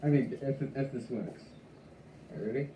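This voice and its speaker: A man speaking through a gas mask in a casual product test, halting, with joking deadpan asides. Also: mid-range voice. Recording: roomy with clear background noise.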